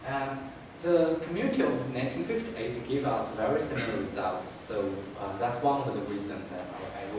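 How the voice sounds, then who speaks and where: A man who speaks as a gives an academic thesis defense presentation in a halting, hedging way with frequent restarts. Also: fairly low pitch. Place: indoor room, recorded from a distance. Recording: echoey room, distant mic, noisy background.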